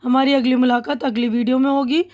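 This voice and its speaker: High-voiced woman teacher explaining patiently. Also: flat delivery, darkish tone. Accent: Indian Urdu. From India. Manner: patient, repeats and corrects herself. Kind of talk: explaining a school lesson to children.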